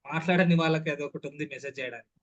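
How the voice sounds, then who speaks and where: Pitched fairly high and racing along, this man's voice comes through on dull audio. As a voice modulation trainer teaching an interactive class by video call, he keeps asking his listeners questions and repeating them.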